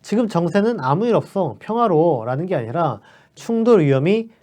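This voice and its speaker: A man's voice: high voice, very animated, moderate pace, a little mellow. A man giving persuasive explanatory commentary, asking rhetorical questions as he talks. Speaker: political commentator.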